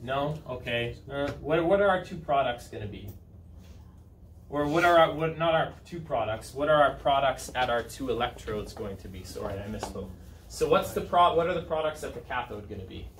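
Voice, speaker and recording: At medium pitch and a normal speed, a male high school chemistry teacher in his thirties speaks in an animated way. His class is informal and conversational, and he questions students and checks in along the way. The recording comes from a distant camera mic at the back of the room, roomy and full of room noise.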